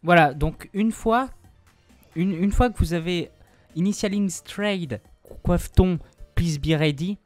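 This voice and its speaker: A man's voice: sits high, measured pace, darkish tone, soft background music. A man giving a casual, slangy gaming tutorial, talking loosely with self-mocking asides. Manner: loose, slangy, with many fillers and restarts. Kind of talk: casual screen-recorded tutorial.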